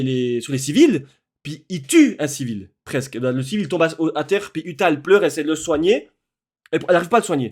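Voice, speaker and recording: A young man giving a spoiler-filled film recap, telling it with sound effects and growing excitement. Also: on the high side. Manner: animated storytelling with sound effects, building to shouting excitement. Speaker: film reviewer.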